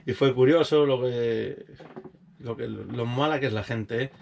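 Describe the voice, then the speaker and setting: A man telling his own life stories in casual chat, animated and acting out other people's voices. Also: medium pitch, unhurried, gravelly, slight background noise.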